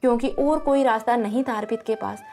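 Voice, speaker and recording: A woman's voice: on the high side, brisk, warm tone. A woman narrating a romantic audio drama in an emotive storytelling way.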